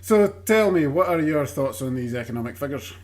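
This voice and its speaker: A man's voice: a little high, expressive, fairly quick, a little mellow. A man hosting a satirical news show, with dry, sardonic commentary.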